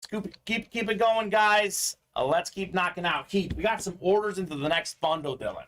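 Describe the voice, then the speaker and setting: A man hosting a live sports memorabilia break, talking in a bright, fairly high register. He keeps up a quick, chatty patter and reads viewer comments aloud. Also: a little hiss or hum. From Bulgaria. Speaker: sports card break host. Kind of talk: live-stream sales patter.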